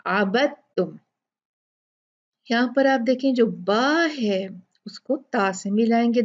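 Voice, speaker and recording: A woman's voice: medium pitch, a little mellow, lo-fi sound. A woman teaching Quran recitation rules, explaining each point patiently and repeating examples. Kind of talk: tajweed lesson.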